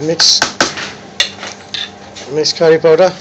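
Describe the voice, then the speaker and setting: Male cooking host, slightly high voice, clipped ingredient call-outs, noisy kitchen behind. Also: little pitch movement, slow pace, dull audio. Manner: names each ingredient in short phrases. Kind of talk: casual cooking narration. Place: restaurant kitchen.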